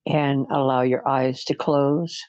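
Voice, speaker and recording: Speaking in a soothing, hypnotic way, a guide leads a guided imagery relaxation session, counting slowly and leaving long pauses. The voice is medium in pitch, flat in delivery and a little mellow. The lo-fi recording sounds dull, with no echo.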